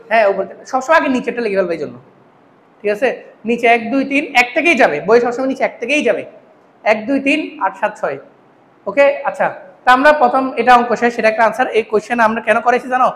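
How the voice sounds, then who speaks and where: A man's voice: very high voice, fairly bright tone. A man teaching a math class, constantly quizzing his students with questions. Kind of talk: classroom lecture. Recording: echoey room, faint hum.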